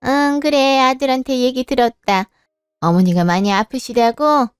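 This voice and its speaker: A woman's voice: high-pitched, moderate pace, clear, resonant tone, dry recording, clean studio sound, soft background music, close to an everyday voice. A woman playing an older mother-in-law who speaks firmly but kindly. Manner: firm, motherly, decisive. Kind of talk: Korean drama voice acting.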